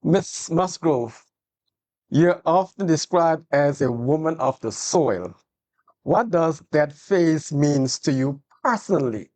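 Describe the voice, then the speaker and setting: Pitched in the middle range, this talk-show host begins with a sincere, heartfelt prayer and offers the guest warm affirmation between questions. The delivery is unhurried, with lively intonation.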